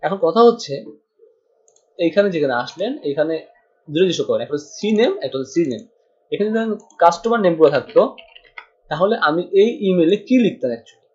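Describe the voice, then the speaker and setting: Animated and quick, a Bangladeshi programming tutor thinks out loud while typing through a screen-recorded lesson, sprinkling in English terms and pausing often. His voice is fairly high and a little mellow, and the audio comes across dull and lo-fi.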